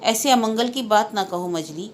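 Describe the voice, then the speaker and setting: A woman reading the part of an irritable aging husband who scolds indignantly and is quick to raise his voice. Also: medium pitch, a little hiss or hum, close to an everyday voice. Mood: scolding.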